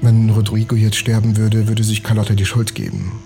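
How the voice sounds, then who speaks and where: A man reading a spooky bedtime story aloud for a podcast, in a calm, even way. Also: lowish voice, a little fast, gravelly, faint music behind.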